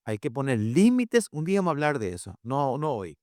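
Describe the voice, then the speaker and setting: Animated man preaching on a stage. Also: medium pitch, a little fast, no room sound, studio quality. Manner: animated storytelling, acts out quotes. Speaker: pastor and family speaker. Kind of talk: sermon.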